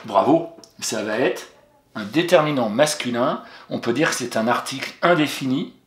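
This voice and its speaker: A patient, encouraging man walks a young pupil through spelling, sounding out each letter. His voice sits at an ordinary middle pitch. The room around him rings with noticeable echo. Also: moderate pace, slight background noise. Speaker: teacher. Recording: roomy echo.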